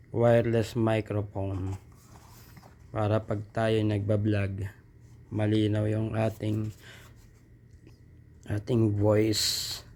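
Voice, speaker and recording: A man's voice: fairly low pitch, a little mellow, slight background noise. A man chatting casually through an unboxing vlog, trying out a new wireless microphone on his phone. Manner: chatty, testing a mic by repeating hello. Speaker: vlogger. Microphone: phone built-in mic, then a wireless clip mic.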